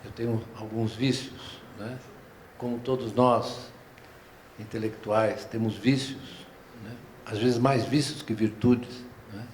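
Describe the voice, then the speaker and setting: An older man with a Paulistano Brazilian accent, speaking on a round-table panel in an unhurried, discursive way, often tagging his phrases with a questioning aside and restarting his sentences. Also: fairly low pitch, fairly even intonation, slight background noise. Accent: Paulistano Brazilian Portuguese. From São Paulo, Brazil. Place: museum auditorium.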